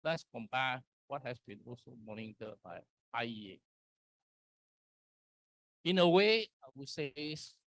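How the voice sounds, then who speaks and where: A man from Singapore giving a conference presentation, walking through slides in slow, deliberate short phrases. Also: medium pitch, expressive, a bit bright, no room sound. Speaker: conference speaker. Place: conference hall.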